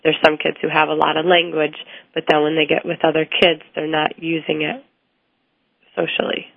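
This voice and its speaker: A woman's voice: low voice, completely flat delivery, moderate pace, vocal fry, no room sound. A woman speech therapist answering interview questions at length, explaining things with frequent ums and restarts. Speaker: speech language pathologist guest. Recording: tinny phone-like line, dry.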